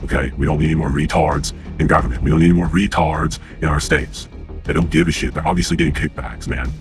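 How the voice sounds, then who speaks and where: Very deep gravelly man ranting angrily. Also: quick pace, music in the background. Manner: angry, profane, keeps addressing viewers as guys. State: out of breath. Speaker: channel host. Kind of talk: ranting commentary to camera.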